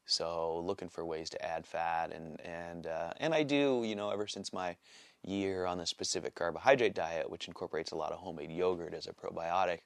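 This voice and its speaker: A man in his late forties giving a casual, rambling vlog update, halting often with fillers and restarts. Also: low voice, steady tone, no room sound. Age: 40s. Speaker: vlogger. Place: small cold workshop shack.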